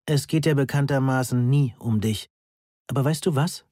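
A man's voice: medium pitch, normal speed, warm tone, dry recording, studio quality, close to an everyday voice. A man voicing an aloof, cool male math lecturer who speaks politely but with detachment in a German audiobook. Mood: coolly cutting.

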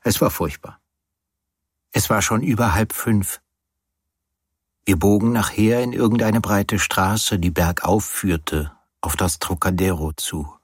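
A man reading from a novel on the radio in a calm, measured storytelling manner. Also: fairly low pitch, breathy edge, no room sound. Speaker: reader. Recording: dry studio.

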